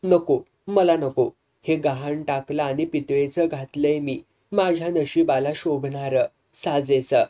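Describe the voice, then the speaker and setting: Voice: mid-range voice, fairly even intonation, measured pace, mellow, close to an everyday voice. A storyteller voicing a proud, long-suffering older wife, restrained and hurt. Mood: wounded.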